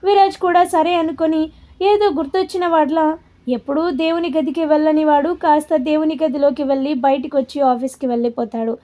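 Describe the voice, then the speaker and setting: A woman narrating a story in an even, descriptive storytelling manner. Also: sits high, brisk.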